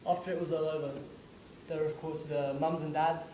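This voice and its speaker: Man voicing a young soldier's ghost, wry, chatty, a bit high, echoey room, noisy background. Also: level tone, a little fast, natural voice. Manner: wry, conversational, addresses the listener directly. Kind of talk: theatrical monologue.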